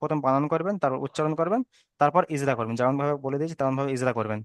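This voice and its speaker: Male reading teacher on a video call, quick and clear, repeats each rule patiently, dry sound. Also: mid-range voice, no room sound. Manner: patient, repeats rules slowly. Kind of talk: online Arabic reading lesson. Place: online class.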